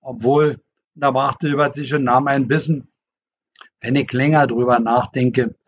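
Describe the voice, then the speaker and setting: A man voicing a hearty, teasing old fisherman who talks in a booming, folksy dialect, on a dull lo-fi recording. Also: fairly even intonation, measured pace, slight background noise, lightly acted. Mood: brooding.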